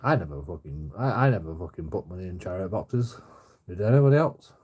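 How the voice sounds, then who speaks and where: A man's voice: sits low, expressive, fast talker, mellow, slightly rough. A man in his forties with a Bradford accent, ranting casually on a livestream in a blunt, sweary, repetitive way. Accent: Bradford, West Yorkshire. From Bradford, England. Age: 40s. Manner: blunt, sweary, repetitive, often tagging sentences with "you know". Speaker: livestream host. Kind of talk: casual opinionated livestream rant.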